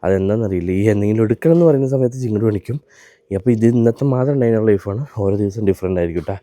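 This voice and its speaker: A man's voice: on the low side, very fast, mellow, no echo. A man vlogging on his phone at home in the morning, chatting straight to his viewers. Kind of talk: casual daily vlog narration. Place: family home, early morning. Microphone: handheld phone.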